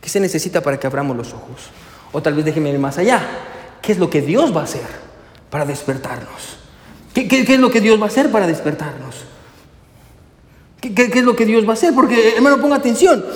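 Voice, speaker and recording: High-voiced pastor preaching in an echoing hall. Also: male voice, animated, fairly quick, long pauses. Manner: emphatic, repeats questions, addresses listeners as brother. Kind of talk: sermon. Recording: echoey hall.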